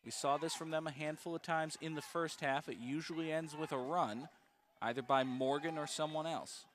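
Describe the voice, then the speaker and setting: A man calling live college football play-by-play, brisk and precise about each down and yard line. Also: on the high side, fairly even intonation, a bit bright, a little hiss or hum. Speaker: play-by-play announcer.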